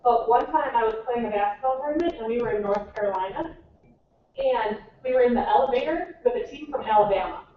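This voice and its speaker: A woman's voice: on the high side, brisk. Chatty Minnesotan woman in an echoey hall. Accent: Minnesotan American. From Minnesota, United States. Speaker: native English conversation partner. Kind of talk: chatty, storytelling, animated. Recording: distant, tinny, echoey hall with faint noise.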